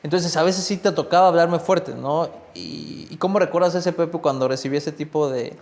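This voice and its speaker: A man's voice: fairly high pitch, lively intonation, normal speed, gravelly, a little mellow, big-room sound. Chatty man hosting a podcast. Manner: chatty, full of filler tags and rephrasing. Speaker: podcast host. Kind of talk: casual interview.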